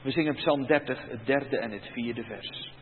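A man preaching a solemn sermon in a church, slow and emphatic, with sudden rises and drops in his delivery. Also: mid-range voice, big-room sound, phone-quality sound, a little hiss or hum. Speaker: pastor.

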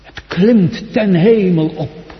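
A man preaching a sermon as pastor, slowly, with sudden rises to loud, high outcries and drops to near-whispers. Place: church. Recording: dull recording in a large reverberant church.

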